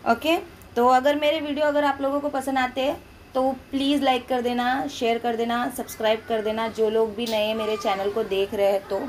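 A young woman from India giving a chatty, loud voice-over for her home family vlog. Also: a little high, flat delivery, normal speed, a little hiss or hum. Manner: talks loudly and chattily to viewers. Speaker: family vlogger. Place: at home, indoors.

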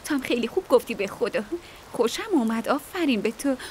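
A woman dubbing a young daughter-in-law who grumbles and mocks with a sharp tongue. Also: a little high, lively intonation, slight background noise, natural voice. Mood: mocking. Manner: mocking, complaining. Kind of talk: Persian dub of a TV drama.

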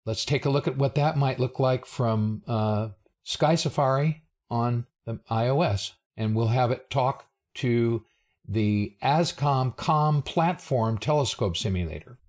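A man's voice: mid-range voice, unhurried, a little mellow. An older man presents a technical briefing in an explanatory, plain-spoken way, with informal asides. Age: older, 60s or above. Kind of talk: explanatory slide presentation narration.

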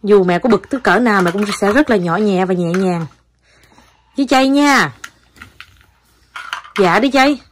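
A woman with a Southern Vietnamese accent chats at home in a medium-pitched voice. She coaxes and scolds gently, the way a mother talks to a small child. A faint hiss sits under her voice. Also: unhurried, long pauses. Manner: coaxing, scolding gently, chatty. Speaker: mother talking to her toddler. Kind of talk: casual home video chat.

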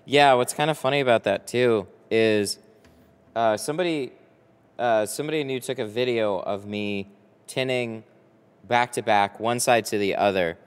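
At a medium pitch and with a clean tone, an American man in his early thirties chats easily with his livestream viewers, pausing as he thinks out loud. The host is a window tinter working from a large garage workshop that holds a boat. His boom-arm mic is close, but the recording carries a long reverb like a hall.

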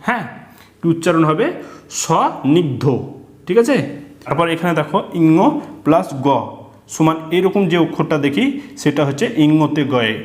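A man teaching children to read, slowly spelling out joined letters and asking questions back. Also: a little high. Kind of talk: reading lesson for children. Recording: echoey room.

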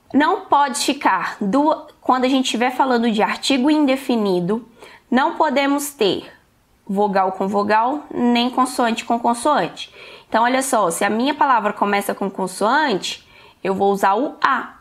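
A woman teaching an online English lesson, explaining step by step and often checking in with "ok?". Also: fairly high pitch.

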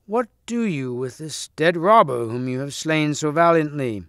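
A man voicing a gentle, kindly old knight who speaks slowly and calmly. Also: a little high, dry recording, studio quality.

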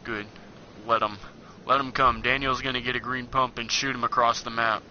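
A man's voice: medium pitch, flat delivery, normal speed. A young man chatting casually and joking while playing an online game with friends. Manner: joking, rambling, playful. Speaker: gamer streaming with friends. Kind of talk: casual gameplay chat. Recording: dull lo-fi game capture with loud background noise.

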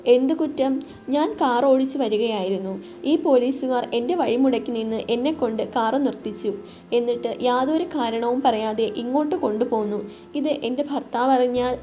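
A woman's voice: on the high side, normal speed, warm tone, faint music behind, natural voice. A woman voicing a frightened young wife who pleads and protests through tears, in a read-aloud story. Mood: pleading.

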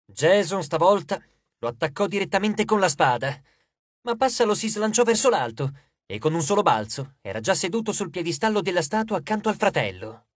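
Telling the story with expressive energy, this male audiobook narrator has a high voice that moves lively through every sentence at a fairly quick pace. The recording is close and dry, with no room sound.

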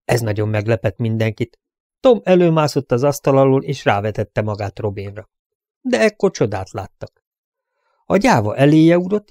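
A man's voice: mid-range voice, dark tone, no echo. Man narrating an audiobook, dry.

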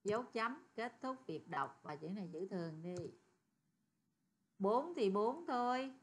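A woman gives a screen-recorded coding lesson, chatty and often asking her students questions. Her voice is mid-range with big pitch swings, at a measured pace.

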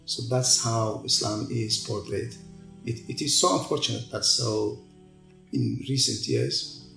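A middle-aged man from Tunisia, a guest in a sit-down interview, speaking in a measured way with pauses and restarts. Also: medium pitch, vocal fry, bright, forceful tone. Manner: measured, pausing speech with repeated restarts. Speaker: guest, TV channel executive. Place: large open-plan office. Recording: roomy echo, faint music behind.

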